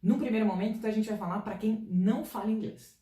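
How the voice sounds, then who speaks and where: A woman from Brazil talks through career tips in a chatty, informal way, her voice mellow and a little dark. She sits away from the mic in a room with a noticeable echo. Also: mid-range voice, fast talker. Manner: chatty and informal, direct advice. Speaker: career advice vlogger. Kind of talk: casual career-advice talk to camera. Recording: distant mic in an echoey room.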